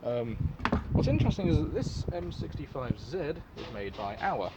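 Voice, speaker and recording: A man's voice: mid-range voice, sing-song, normal speed, dull audio, very noisy. A man giving a casual, unscripted product review in a rambling, offhand, sweary way. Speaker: collector and reseller reviewing gas masks.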